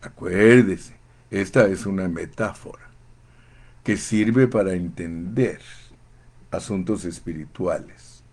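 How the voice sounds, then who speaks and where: A man preaching a sermon in a slow, emphatic, fervent way, often calling his listeners brother. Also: low-pitched, a little mellow. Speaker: pastor.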